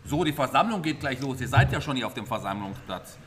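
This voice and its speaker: A man leading a children's story play, asking playful, animated questions. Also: medium pitch, fast, slight background noise. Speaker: teacher leading a puppet play.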